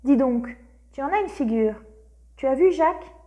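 A woman voicing a lazy, bantering young male painter who talks loudly and offhandedly. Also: high voice, expressive, normal speed. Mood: teasing.

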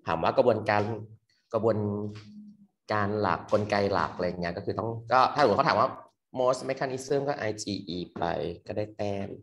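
A young man tutoring medical students in a loose, quick exam review full of fillers. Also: lowish voice, expressive, fairly bright tone. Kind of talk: casual exam review lecture. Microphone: computer mic on a screen recording.

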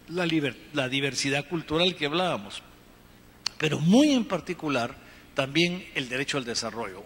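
A man's voice: on the high side, fairly bright tone. Earnest Guatemalan man in a reverberant hall. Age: middle-aged. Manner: earnest, measured, gesturing with his free hand. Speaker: panel speaker. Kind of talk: conference panel talk. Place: conference hall stage. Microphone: handheld microphone. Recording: reverberant hall, faint room noise.

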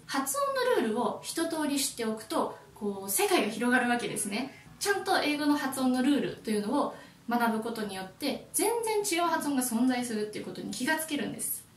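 A Japanese woman who teaches English, giving a friendly and lively YouTube lesson. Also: high-pitched, roomy sound, recorded from a distance, a little hiss or hum.

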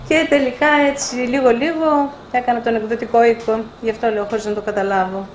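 Older woman, publisher, animated anecdote-teller; slightly high voice, roomy echo. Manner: animated anecdotes with acted-out dialogue. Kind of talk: storytelling in a live interview. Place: bookshop event room. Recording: echoey room, faint background noise.

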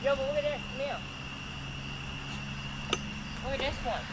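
A man's voice: very high-pitched, fairly even intonation, moderate pace. A man chatting casually outdoors in a slangy, exclamatory way while exploring with companions. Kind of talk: casual chat. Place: outdoors in a graveyard at night. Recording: noisy outdoor camera recording.

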